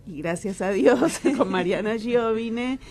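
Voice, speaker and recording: This woman's voice sits on the high side, slow and darkish. She is an actress and writer with an Argentine accent, appearing as a radio guest and talking in a loose, conversational way that wanders and stumbles over repeated words.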